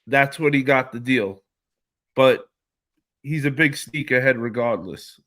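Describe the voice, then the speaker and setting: A man hosting a casual live stream, reading viewer comments aloud and answering them in a relaxed, slangy way. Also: mid-range voice, measured pace. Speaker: livestream host reading chat.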